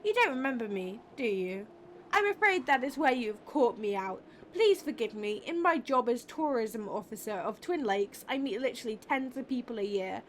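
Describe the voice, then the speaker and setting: A woman's voice: a little high, lively intonation, normal speed, slight background noise, close to an everyday voice. A woman voicing a chatty, rambling small-town tourism officer in a game.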